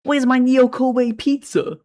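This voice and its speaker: A woman doing an impression of a squeaky, nasal, nerdy cartoon boy. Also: measured pace. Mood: whiny.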